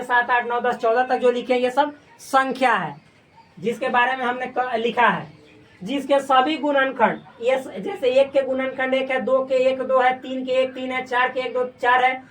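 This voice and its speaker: A high-pitched woman teacher walks through a maths lesson, counting out numbers as she writes. She teases her students with slang and rhymes and keeps the tone light and joking. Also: steady tone, a little slow. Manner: playful, teasing, rhyming asides and slang while explaining. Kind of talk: classroom lesson video.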